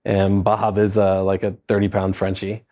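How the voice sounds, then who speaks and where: A man in his thirties from San Diego, chatting as an interview guest in a relaxed way, often pausing with "uh" and "um". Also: deep voice. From San Diego, California. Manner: relaxed, laid-back, with frequent "uh" and "um". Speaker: guest, private lender. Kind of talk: casual interview chat.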